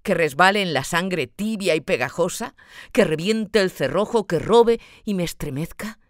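A woman reads a tormented young man in an audiobook. He mutters in anguish, his voice dropping low and almost to a whisper. The sound is dry and close, with no room around it. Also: expressive, normal speed, dry recording, lightly acted. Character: tormented feverish young male student. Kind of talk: audiobook character voice.

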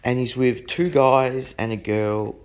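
A man's voice: medium pitch, fairly even intonation, slow pace, darkish tone. An Australian man telling a blunt, profane anecdote in a rambling, casual way. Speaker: storyteller.

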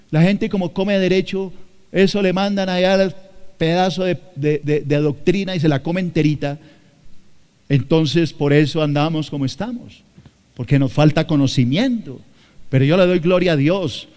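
A man's voice: sits high, darkish tone. A man from Colombia with a Bogotá accent, preaching a sermon emphatically to his congregation, repeating phrases and addressing them directly. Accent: Colombian Spanish, Bogotá. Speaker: pastor.

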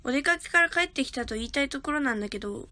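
She talks fast in a high, expressive voice that's bright and forceful, captured in a dry recording. The young woman is livestreaming on her phone from her grandmother's house, chatting casually, thanking viewers for gifts, and talking about being a big sister.

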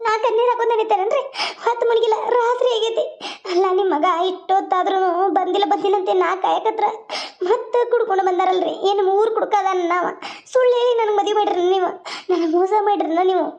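A wronged young bride in a village cartoon, played by a woman, complaining and pleading in a very high, fast voice. She, and the recording is dull and lo-fi. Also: darkish tone.

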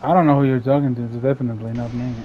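A man bantering during a game, loud and excitable, cursing often and switching between English and Spanish. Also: mid-range voice, fast talker, muffled recording, a little hiss or hum. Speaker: gaming streamer. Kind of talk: casual gaming banter.

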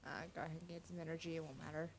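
With a low, flat, slightly mellow voice, this American woman races through her words despite a stuffy, sniffly cold. As a gaming channel host seated at her computer at home, she gives casual let's-play commentary on a card game, muttering to herself along the way.

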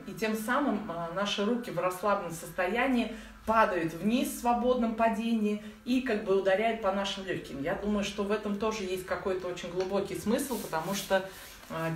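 Woman teaching in an echoey room. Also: mid-range voice. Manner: chatty, fond of affectionate diminutives. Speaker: breathing practice instructor. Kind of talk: informal instruction for beginners. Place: living room at home, indoors. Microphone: phone or camera set a little way off. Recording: echoey room, distant mic, faint noise.

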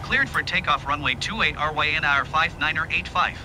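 A man's voice: a little high, a little fast, heavy background noise. Man on a cockpit headset radio, clipped. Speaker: airline pilot on the radio. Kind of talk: clipped radio phraseology readback.

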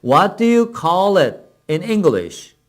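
A man with a high, very animated voice teaches English phrases to Korean learners, explaining in Korean at a brisk pace. Between those explanations he models each English phrase slowly and with careful enunciation so students can repeat after him in the drill.

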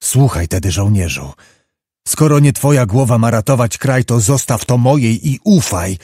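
Proud, bitter middle-aged prince, read by a male narrator; dark tone, dry close sound. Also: medium pitch, expressive, normal speed, slightly rough, no room sound. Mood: commanding. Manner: grave, impassioned pleading.

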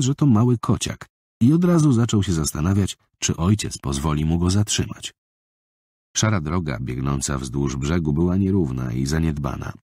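A man narrating an audiobook with an expressive, lively reading, close on a studio mic. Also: a bass voice, slightly rough, dry recording.

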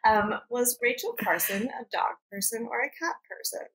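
A woman hosting a podcast, running a playful animal trivia quiz with frequent laughter and quick asides. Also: on the high side, a bit bright, breathy edge, poor audio. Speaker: podcast host and producer. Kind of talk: casual quiz chat.

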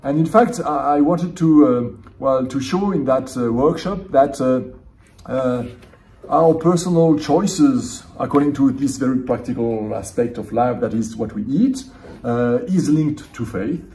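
A man's voice: medium pitch, unhurried, dark tone, far from the mic. A middle-aged man from France with a French accent, a theology professor answering interview questions thoughtfully, often restarting his phrases. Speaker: theology professor and seminary dean. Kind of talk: conference interview. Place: indoor conference room.

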